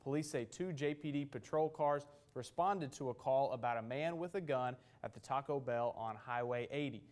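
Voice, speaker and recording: A man anchoring a local evening newscast with steady, scripted delivery. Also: mid-range voice, moderate pace. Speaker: news anchor.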